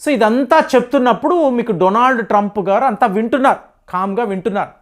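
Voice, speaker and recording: A woman giving casual, animated news commentary who acts out what leaders said. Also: a little high, fast talker.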